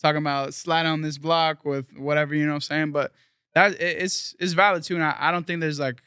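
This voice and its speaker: Bright, smooth-voiced young man rambling. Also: fairly high pitch, fairly even intonation, brisk, no echo, studio quality. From South Florida, US. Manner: rambling, filler-heavy, earnest. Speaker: guest musician. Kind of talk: casual interview chat.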